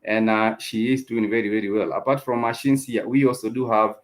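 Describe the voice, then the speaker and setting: A man with a Kenyan accent hosting an unscripted music talk show, speaking haltingly with many ums and repeated phrases. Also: fairly low pitch, little pitch movement. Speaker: radio show host.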